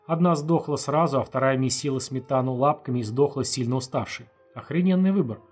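A man's voice: medium pitch, a little fast, darkish tone, faint music behind, close to an everyday voice. A man narrating an audiobook, voicing an aggressive young man who snaps and sneers. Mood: sneering. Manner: snapping, sneering. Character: aggressive, foul-mouthed young man, scornful.

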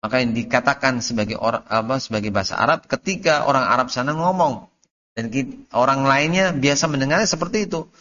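Man, classroom teacher, mid pitch, slow Arabic reading, questions to students, dull lo-fi audio. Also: pushed and bright. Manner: reads Arabic text slowly, then explains and quizzes students. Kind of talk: classroom lesson.

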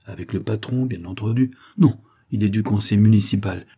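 A man's voice: fairly low pitch, normal speed, warm tone, breathy edge. A man voicing an eager, boastful young farmhand who talks in a rustic way, in a read-aloud storybook. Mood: confiding.

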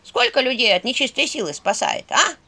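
A woman's voice: high voice, very animated, brisk, vocal fry, sharp tone, voice pushed up, heavily acted. Old female talking skull-staff read by a woman; folksy drawl, sly and matter-of-fact. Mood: justifying. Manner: folksy, drawling, rustic speech.

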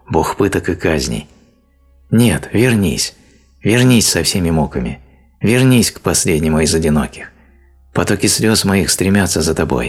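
A man reading an old, self-pitying male sorcerer in an audiobook, pleading and declaiming in a deep voice over faint music. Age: older.

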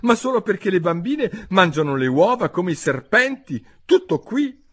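Brief: earnest, protesting young girl, voiced by a male narrator; husky, animated. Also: high-pitched, normal speed, voice pushed up, exaggerated voice. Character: puzzled, indignant little girl Alice.

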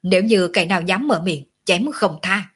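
A woman voicing a harsh male enforcer who shouts threats to silence prisoners. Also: fairly low pitch, normal speed, husky. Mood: threatening. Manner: barking orders, menacing.

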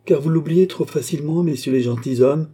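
A man's voice: mid-range voice, animated, moderate pace, dark tone, husky. A man voicing a proud, indignant queen who scolds in a raised, reproachful voice.

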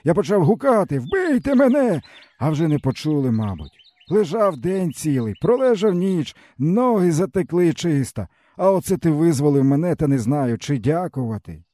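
A bitter, hungry peasant uncle, as a male reader puts him on rambles on in a mournful, folksy way. His voice sits higher than a narrator's and rises and falls with feeling, yet keeps a mellow softness. It is recorded close and dry, with no room sound. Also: big pitch swings, moderate pace, no echo. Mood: bitter, weary. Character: starving weary peasant uncle, bitter and fatalistic. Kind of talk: audiobook character reading.

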